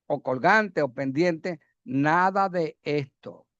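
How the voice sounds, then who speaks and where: A man teaching Bible Greek grammar in a classroom lecture, halting, with many fillers and questions to the class. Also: a little high, a bit bright, no room sound, dull audio.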